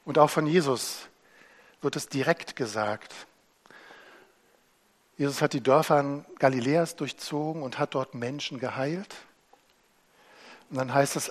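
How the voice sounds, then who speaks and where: A man preaching a sermon, swinging between hushed and loud as he retells scripture. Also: fairly high pitch, husky.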